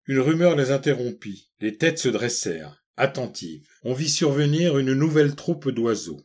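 Man reading a novel aloud, measured. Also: mid-range voice, big pitch swings, darkish tone. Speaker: audiobook narrator. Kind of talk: scripted narration of a novel.

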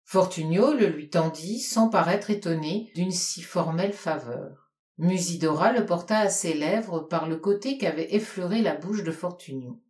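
A woman's voice: fairly low pitch, unhurried, darkish tone. Woman narrating a novel in an echoey room. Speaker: audiobook reader. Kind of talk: literary audiobook narration.

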